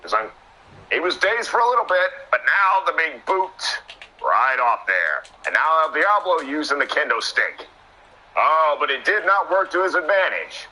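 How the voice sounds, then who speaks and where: Male play-by-play wrestling caller, unhurried, bright and cutting tone, self-mocking when he fumbles words. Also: mid-range voice, rough recording. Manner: excitable, trips over words and laughs at himself. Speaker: wrestling commentator.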